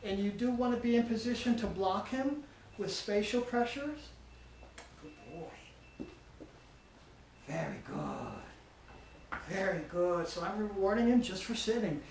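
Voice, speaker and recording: A woman dog trainer calmly explaining her training and patiently encouraging a dog with frequent praise. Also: mid-range voice, moderate pace, reverberant, recorded from a distance, a little hiss or hum.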